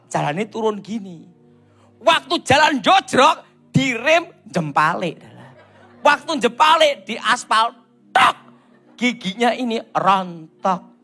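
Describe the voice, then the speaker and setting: A man with a Javanese accent preaching a sermon as an evangelist, telling stories and asking the congregation to agree. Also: sits high. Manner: animated storytelling, asks the crowd "betul?".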